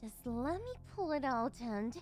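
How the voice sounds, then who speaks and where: A woman's voice: high-pitched, big pitch swings, unhurried, darkish tone, soft background music. A woman playing a possessive, unhinged yandere villainess in an ASMR role-play, cooing and teasing condescendingly as she domineers over her captive. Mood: indignant, menacing.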